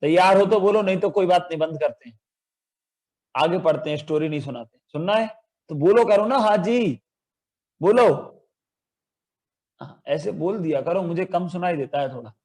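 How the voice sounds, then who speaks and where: A man teaching a children's religion class over a video call, calling on children by name and chanting verses slowly for them to repeat. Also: high-pitched, animated, a little mellow.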